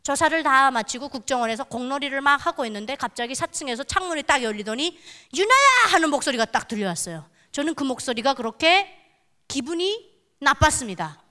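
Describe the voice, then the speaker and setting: Young woman, high voice, telling her testimony all dramatic, talks right to the crowd. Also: animated, a little fast, pushed and bright. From North Korea. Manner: vivid, dramatic storytelling that addresses the audience directly. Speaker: guest speaker at a prayer meeting. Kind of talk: testimony sermon.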